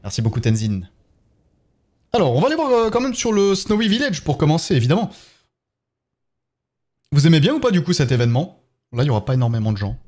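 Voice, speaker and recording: Lively French-accented male streamer. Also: a little high, fast, long pauses. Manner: chatty, thanks viewers one by one while playing. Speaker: game streamer. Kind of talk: casual live-stream chat.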